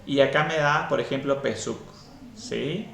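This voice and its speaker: A man's voice: mid-range voice, a little slow, creaky, a bit bright, roomy sound. A man teaching a programming class live and explaining step by step, often checking in with "¿sí?".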